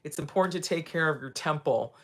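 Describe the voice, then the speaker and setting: Talking fairly quickly in a low, fairly bright voice, a sixty-year-old woman hosts a live video and demonstrates as she goes. Her casual instruction leans on tag questions and repeated phrases.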